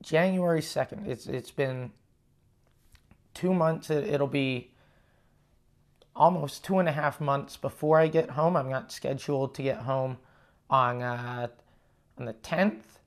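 A man hosting a casual solo podcast, rambling and halting with frequent swearing, recorded on a lav mic in an echoey room. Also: medium pitch. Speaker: podcast host and touring stand-up comedian. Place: condo room, indoors. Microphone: lavalier plugged into portable recorder.

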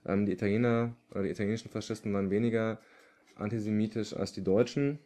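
A man from the Upper Palatinate giving a public lecture, pausing often with filler sounds. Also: on the low side, fairly even intonation, mellow. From Upper Palatinate, Germany. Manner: hesitant, many filler sounds.

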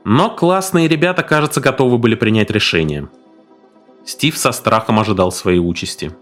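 A man narrating a story in an expressive, dramatic reading style. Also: mid-range voice, normal speed, soft background music. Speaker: audiobook narrator.

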